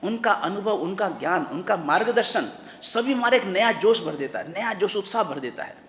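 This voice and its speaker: A man's voice: high-pitched, lively intonation, moderate pace, fairly bright tone. A man, a Jain monk, speaks to a congregation with a fervent and repetitive manner, addressing listeners like family. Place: large temple hall. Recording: echoey hall with long reverb.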